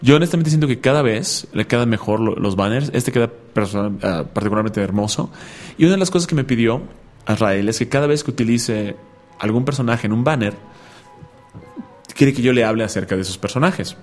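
A man hosts a casual radio show, rambling through stories in a chatty, joking way. His voice sits in an ordinary middle register. Soft music plays faintly underneath. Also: medium pitch, fairly quick. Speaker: radio host.

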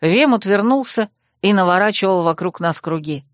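Woman, audiobook narrator, first-person storytelling, expressive, mid pitch, dry close sound. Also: normal speed, dry recording.

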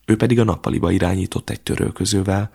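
Audiobook narrator, man, very low gravelly voice, measured and steady. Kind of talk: scripted narration.

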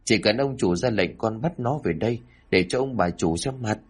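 A man's voice: on the low side, expressive, normal speed, slightly rough. A man voicing a fawning young male servant in an audiobook story, humble and wheedling.

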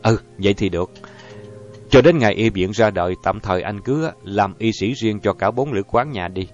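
Guy doing a calm smooth crime boss, low voice, lo-fi audio, faint music behind. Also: natural voice. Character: cool, persuasive young crime boss.

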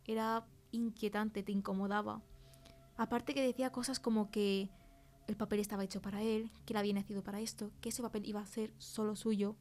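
A young woman with a Spanish accent from Spain, a film producer appearing as a podcast guest, tells her experience conversationally. Her mid-range voice is a little mellow, fairly quick, and flat in delivery.

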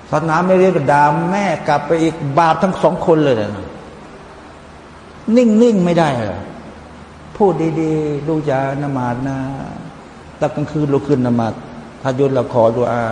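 A man giving a lively Quran commentary sermon, explaining verses, chanting Arabic passages and joking with his listeners. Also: on the high side. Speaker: Islamic preacher. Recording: echoey hall with faint background noise.

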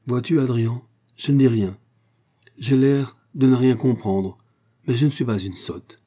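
A man reading aloud, voicing a gentle, melancholy young housewife who speaks softly and with quiet reproach. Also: medium pitch, a little slow, pitched above the performer's own voice, lightly acted.

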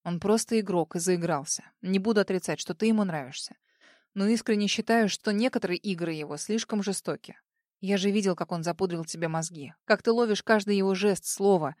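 A weary middle-aged male lawyer speaks low and earnestly, full of regret, as a woman narrator puts him on. His pleading tone sits in a mid register. It is recorded dry and close, with no room sound. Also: fairly quick, darkish tone, no room sound, natural voice. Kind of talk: audiobook character voice.

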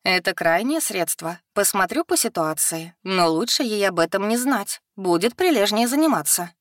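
A woman voicing a calm, experienced female magic teacher who speaks in a measured, matter-of-fact way. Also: mid-range voice, dry recording, studio quality, close to an everyday voice.

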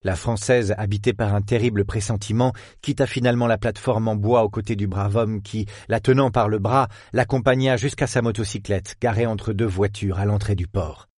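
Low-voiced man narrating a novel. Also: steady tone, a little mellow, no echo, clean studio sound. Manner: measured, literary storytelling. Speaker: audiobook narrator.

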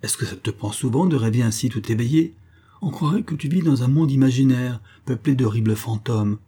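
A man's voice: mid-range voice, brisk, warm tone, breathy edge, close to an everyday voice. A man reading aloud and voicing a cheerful, scheming male rogue in a mocking, wheedling manner.

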